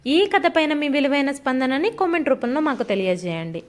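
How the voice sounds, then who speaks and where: A woman hosting an audio storybook channel, narrating a story in a dramatic, expressive way. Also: high-pitched, a little fast.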